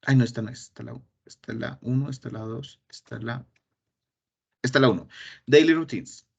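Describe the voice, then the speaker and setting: A man, an English teacher giving an online class on grammar and pronunciation, lively and repeating words for emphasis. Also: mid-range voice, a little fast, creaky, breathy edge, dull audio. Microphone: computer mic in an online session.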